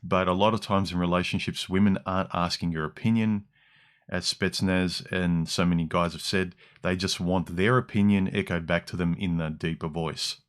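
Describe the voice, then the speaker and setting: Reading chat comments on a casual livestream, an Australian-accented male host speaks through a dynamic broadcast mic at a normal speed and a steady tone. His voice is deep, with some harshness in the mids and lows, and his talk rambles with many ums and restarts.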